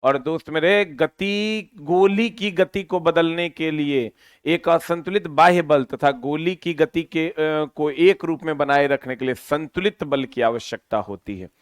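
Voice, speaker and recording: A man teaching a physics lesson, lively and constantly quizzing his students with repeated questions. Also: a little high, measured pace, smooth, no echo.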